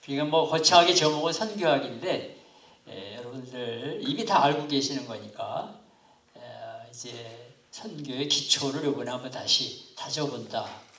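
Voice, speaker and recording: A man in his seventies, a pastor teaching a missions class to lay ministry students, speaking in an unhurried, halting, politely formal way. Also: medium pitch, lively intonation, a bit bright. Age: 70s. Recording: echoey room, far from mic.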